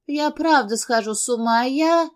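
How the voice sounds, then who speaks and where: A woman voicing a young woman who is drunk and high, talking in a high, pleading and breathy way. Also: expressive, slow. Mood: desperate. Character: intoxicated young woman, unstable and clingy.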